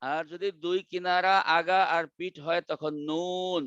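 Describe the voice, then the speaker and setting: A man teaching Quran pronunciation in an online class, drilling letters slowly and repeating them over and over. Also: sits high, level tone, a bit bright, smooth, no echo, highs cut off. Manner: slow, drawn-out letter drills with repetition. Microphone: video call.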